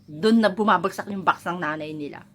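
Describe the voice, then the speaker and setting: A woman's voice: fairly low pitch, a little fast, a bit bright. Woman, from the Philippines, casual home vlog, chatty, rambling, laughs often. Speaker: vlogger. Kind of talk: casual storytelling to viewers.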